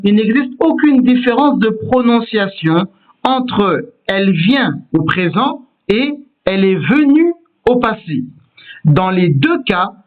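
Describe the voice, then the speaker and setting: High-voiced man teaching Hebrew stress. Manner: explains patiently, demonstrating word stress. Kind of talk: explanatory language lesson. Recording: tinny phone-like sound.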